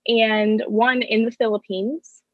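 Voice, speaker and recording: Woman interpreter doing the voice-over for a deaf panelist; halting and self-correcting; dull lo-fi call sound. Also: a little high, flat delivery, dry recording. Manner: halting, self-correcting, speaks in first person for the signer. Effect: interpreter's voice-over of a deaf speaker's signing. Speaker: sign language interpreter voicing a deaf panelist. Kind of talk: live interpreted panel remarks.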